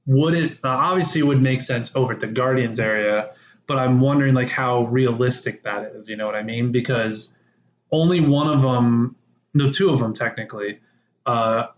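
A man's voice: mid-range voice, a little hiss or hum. A man co-hosting a casual podcast chat, rambling and teasing, often breaking off mid-thought. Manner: rambling, self-interrupting, teasing. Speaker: podcast co-host. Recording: roomy, dull lo-fi sound.

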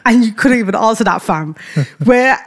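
A woman co-hosts a podcast with a fairly high voice, lively intonation and a moderate pace. Chatting casually, she keeps saying "fam" and "yeah," slips in slang habitually, and explains with examples and tangents.

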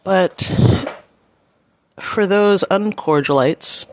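A woman's voice: mid-range voice, very slow, background noise. A woman rambling through a casual personal vlog, talking to herself and breaking off now and then. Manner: rambling, self-talking, talks to her baby in between. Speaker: vlogger.

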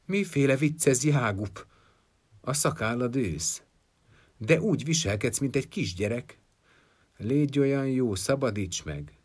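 A man voicing a bony, impatient male Death in a folk tale, loud and blustering. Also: deep voice, expressive. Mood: pleading. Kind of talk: storytelling.

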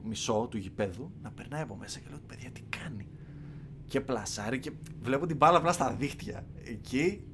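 A man chatting casually, telling an excited story of a football night and acting out the chants. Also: medium pitch, few pauses, slight background noise. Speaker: podcast guest recounting a match trip. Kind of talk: casual chat.

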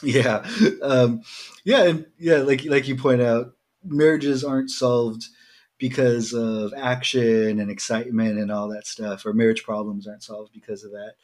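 A man's voice: mid-range voice, steady tone, unhurried, a little mellow. A man speaking as a podcast guest, explaining his ideas thoughtfully, with frequent ums and easy laughs. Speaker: guest, sport psychologist. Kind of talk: casual chat, explaining.

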